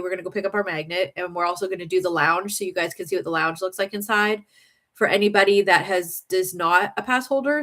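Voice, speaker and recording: This livestream host's voice is medium-pitched and a bit bright. Though she's from the northern US, she has a slight Southern accent, and her casual chat rambles along with plenty of fillers and giggles.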